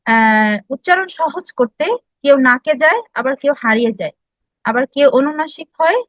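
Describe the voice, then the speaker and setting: A woman giving a classroom lecture, explaining step by step, asking her listeners questions and pausing often with filler sounds. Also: sits high, expressive, dry recording, rough recording. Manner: explanatory, frequent filler sounds and restarts, asks the audience questions. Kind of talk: classroom lecture on language history.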